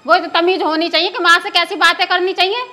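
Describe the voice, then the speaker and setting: A woman's voice: very high-pitched, fairly even intonation, quick pace, bright, forceful tone, faint music behind. A scolding village mother-in-law. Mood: indignant. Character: scolding rural mother-in-law, middle-aged woman. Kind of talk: rural film drama acting.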